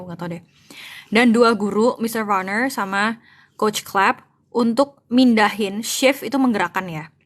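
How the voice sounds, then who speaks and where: A woman with a medium-pitched, slightly bright voice reads an English novel out loud and converts it line by line into Indonesian. She tutors English-to-Indonesian online, chatting casually, reasoning aloud, searching for words, and moving easily between both languages.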